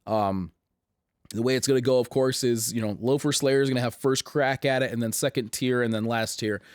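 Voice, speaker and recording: A man hosting his own show, talking in a casual, halting way with a scratchy voice, earnest and reflective, often restarting his sentences. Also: mid-range voice, steady tone, dry recording, clean studio sound. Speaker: host. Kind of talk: casual chat to camera.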